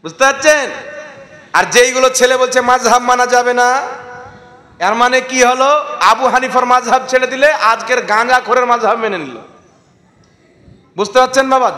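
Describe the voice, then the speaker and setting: Male preacher, West Bengal Bengali accent, emphatic and exhorting, very high pitch, roomy echo. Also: sharp tone. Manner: exhorting, calls on the crowd to respond; rhetorical questions, emphatic. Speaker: Islamic preacher. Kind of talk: sermon.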